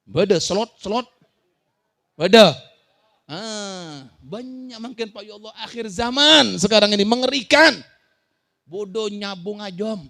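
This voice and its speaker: A man preaching a sermon to a village gathering. He swings from shouted warnings to quiet asides and often questions and jokes with the audience. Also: sits high, lively intonation, slow, creaky, long pauses. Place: outdoor village religious gathering.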